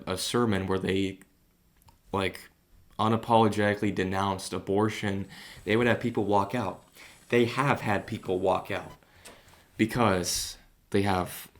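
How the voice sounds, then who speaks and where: A young man talking alone on his podcast, in a somewhat low voice. He wanders through his thoughts with lots of fillers and restarts. He stays earnest and grows heated on his points. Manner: rambling and hesitant, many fillers. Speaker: podcast host. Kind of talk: solo podcast monologue.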